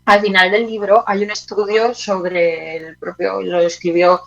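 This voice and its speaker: A playwright from Teruel, Aragon, Spain, speaking with a Spanish accent from Spain, answers interview questions as a guest in a reflective, conversational way, searching for words and adding little tag questions. Her mid-range voice has vocal fry and little pitch movement, her pace is measured, and the recording is muffled.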